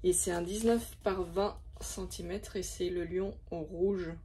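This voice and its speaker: In a warm, lowish voice with fairly even intonation, a woman vlogger takes her time presenting her craft supplies. She's casual and hesitant, dropping many fillers, and there's a little hiss or hum on the recording.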